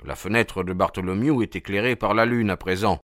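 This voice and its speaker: Nervous fussy gentleman, read by a man, anxious and hurried, audiobook, dry sound. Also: fairly low pitch, no room sound, natural voice.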